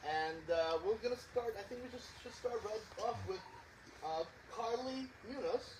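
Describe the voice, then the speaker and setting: In an unhurried voice that sits high, the co-director and host of a small outdoor concert gives a casual live introduction, rambling and self-deprecating with lots of fillers. The recording is distant, with background noise.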